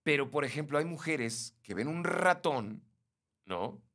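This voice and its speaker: Mexican man, live stream host, lively bright voice, chatty and animated. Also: fairly high pitch, unhurried. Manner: animated, greets viewers by name, mimics shrieks. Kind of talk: casual live chat reading comments.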